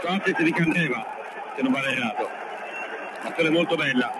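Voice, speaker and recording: A man giving excitable, partisan live football radio commentary, repeating words and names. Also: on the high side, normal speed. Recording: noisy radio broadcast with loud stadium crowd. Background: loud stadium crowd.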